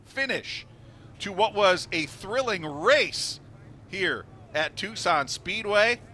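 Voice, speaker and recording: A man calling the finish of a race as play-by-play announcer, excited and emphatic. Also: high-pitched, takes it slowly, slight background noise. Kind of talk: play-by-play commentary.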